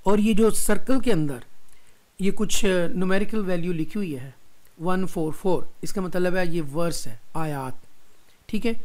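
A Pakistani man with a Pakistani accent gives a recorded Quran reading lesson. He speaks very slowly, drawing out each word and stressing it. He keeps checking that his students are following. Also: high-pitched, darkish tone. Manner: mixes English and Hindi-Urdu, checking in with "right?". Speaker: Quran teacher.

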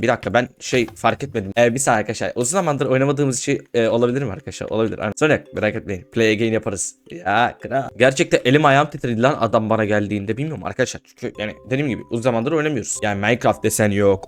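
A young man casually commentating his own gameplay, excitable and repeating words in quick bursts. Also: on the low side. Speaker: gaming YouTuber.

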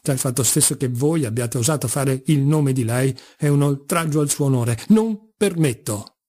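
A man reading an audiobook, voicing a hot-tempered young nobleman who answers his father in indignant, forceful declamation. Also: medium pitch, normal speed, natural voice. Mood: outraged.

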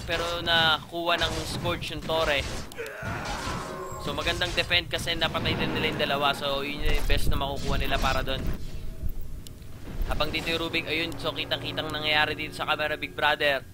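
A man with a Filipino accent giving live video game commentary, bursting into loud exclamations over the play. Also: on the high side, brisk, over music. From Philippines. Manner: excitable, frequent loud exclamations. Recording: game sound noise behind the voice. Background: game sounds.

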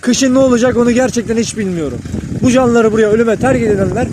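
A man's voice: extremely high pitch, fast talker. A man on a rural dirt road, emotionally pleading and calling to stray dogs, filmed on a handheld phone. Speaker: vlogger. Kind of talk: outdoor vlog feeding stray dogs. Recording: loud outdoor noise behind.

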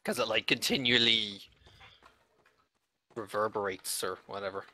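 A man's voice: on the low side, measured pace, bright, forceful tone. A man hosting a casual online game session, chatty and amused, talking through the action as it happens. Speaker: host playing an online game. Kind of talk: casual gaming chat.

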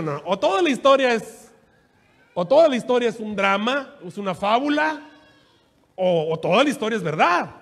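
Male pastor, high voice, animated sermon, echoey hall. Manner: animated storyteller who acts out scenes, frequent restarts.

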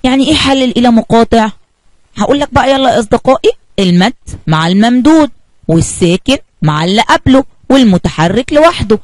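A woman's voice: a little high, expressive, fast, a little mellow, no echo, rough recording. A woman with an Egyptian Arabic accent teaching a kindergarten spelling lesson, asking the children questions and answering them herself.

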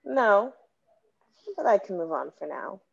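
A woman's voice: medium pitch, sing-song, a little slow, creaky, breathy edge, dull audio, full character voice. A woman reading the part of a sassy, confident young woman singer at a script read-through. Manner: sassy, cutting.

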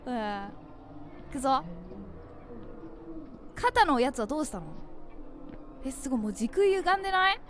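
A young woman giving animated, jumpy commentary as she plays a horror game, calling herself by name. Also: sits high, normal speed, pauses often, a little hiss or hum. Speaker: game streamer.

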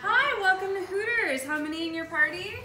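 A woman's voice: animated, brisk, echoey room, distant mic, background noise. A woman in her twenties voicing a bubbly young restaurant hostess in a playful home role-play. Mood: perky. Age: 20s. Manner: bubbly, exaggerated high greeting.

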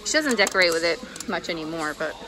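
A woman's voice: fairly low pitch, expressive, brisk, noisy background. A woman in her thirties, a vintage reseller, chatting casually through a thrift-store haul, thinking aloud with fillers and small laughs, recorded on a handheld phone in a large store.

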